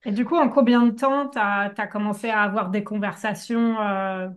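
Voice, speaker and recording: A woman's voice: mid-range voice, steady tone, moderate pace. A young woman co-hosting a podcast, asking questions in a hesitant, giggly way with many fillers. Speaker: co-host. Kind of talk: casual podcast chat.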